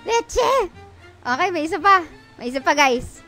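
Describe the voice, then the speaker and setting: A young woman streaming a mobile game in casual commentary, loud, with sudden shrieks and swearing. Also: high voice, fairly quick, soft background music.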